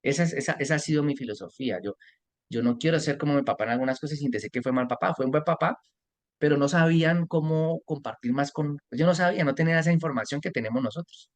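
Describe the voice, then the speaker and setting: A man's voice: a little high, fast talker. Talkative Colombian man in his forties. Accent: Colombian Spanish. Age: 40s. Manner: talkative, animated storytelling with restarts. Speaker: guest, parenting mentor. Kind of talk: casual podcast conversation.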